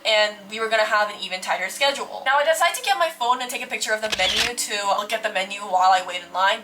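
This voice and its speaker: A young woman spins a casual storytime in her vlog, dramatic and full of slang. Her voice sits fairly high and sounds bright. Faint music plays underneath. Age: young adult. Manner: dramatic, exaggerated, slangy and swearing. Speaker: vlogger.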